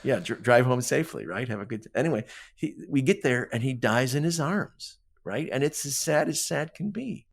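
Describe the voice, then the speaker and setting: A man with a gravelly, mid-range voice speaks animatedly at a moderate pace as a guest author on a podcast. He discusses literature in an emphatic, conversational way, acts out imagined dialogue as he explains, and keeps punctuating his points with "right?"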